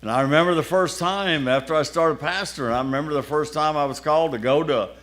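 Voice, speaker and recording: A man's voice: fairly high pitch, fast, fairly bright tone. An older man, a pastor, telling a personal testimony in a folksy, colloquial, wry way. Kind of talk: sermon testimony storytelling.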